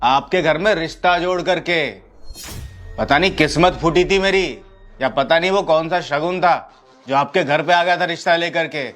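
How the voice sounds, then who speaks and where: A man's voice: fairly high pitch, moderate pace, soft background music, natural voice. A man playing a rude, domineering husband. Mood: bitter sarcasm. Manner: shouting, rude, commanding. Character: harsh domineering young husband, scornful of his in-laws. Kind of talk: amateur family drama skit.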